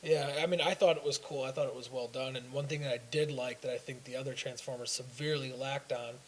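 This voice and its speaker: A man's voice: medium pitch, steady tone, fast talker, poor audio. A young man co-hosting a casual fan talk show, rambling through his opinions with restarts. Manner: rambling, hesitant with fillers and restarts. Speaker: co-host. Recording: faint hiss.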